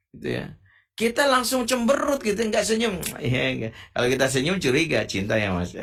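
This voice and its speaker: A middle-aged man giving a lively sermon, acting out quotes and jokes playfully. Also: high-pitched, gravelly. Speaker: preacher. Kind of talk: lively sermon with acted examples.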